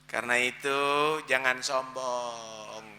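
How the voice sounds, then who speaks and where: A male preacher giving a sermon in dramatic storytelling style, swinging from loud outbursts to hushed asides. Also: medium pitch, flat delivery, slow, big-room sound.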